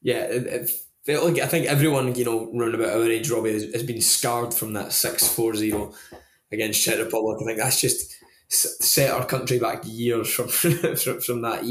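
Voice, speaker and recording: A man's voice: mid-range voice, fairly even intonation, moderate pace. Echoey young Scottish man hosting a podcast. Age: young adult. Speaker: podcast host. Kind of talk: casual sports chat and match reporting. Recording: echoey, roomy sound.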